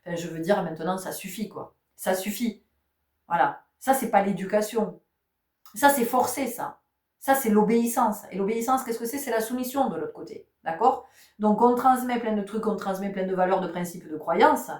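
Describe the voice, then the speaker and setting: A woman's voice: medium pitch, moderate pace, a little mellow, recorded from a distance. A woman giving a spiritual teaching talk. She repeats her key words and asks many rhetorical questions. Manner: says she is not giving medical advice. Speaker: spiritual channel host. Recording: roomy sound, voice set back from the mic.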